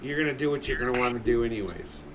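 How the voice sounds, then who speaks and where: A man's voice: mid-range voice, rapid-fire, over a noisy crowd. A man in his forties, a livestream host, chatting casually in a blunt, swearing manner. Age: 40s. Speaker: streamer. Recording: distant mic with background noise.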